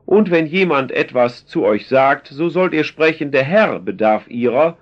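A man voicing a calm, authoritative male teacher in a solemn, measured scripture reading. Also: on the high side. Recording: dull lo-fi recording.

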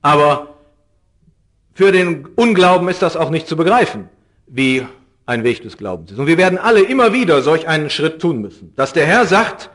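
A middle-aged man preaches a sermon with earnest conviction. His pitch and loudness rise on key phrases and sink low at the ends of sentences. He slows down to stress important words. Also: big pitch swings.

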